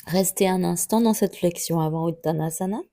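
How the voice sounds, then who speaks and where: A woman teaching a yoga class, giving calm, gently guiding cues through each pose. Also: lowish voice, brisk. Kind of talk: guided yoga instruction.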